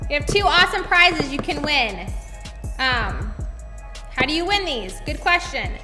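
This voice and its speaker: A woman's voice: sits high, sing-song, unhurried. A woman hosting a children's church segment, casually presenting prizes to viewers in a reverberant space. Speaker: children's church host, toy reviewer. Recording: long hall reverb, faint music.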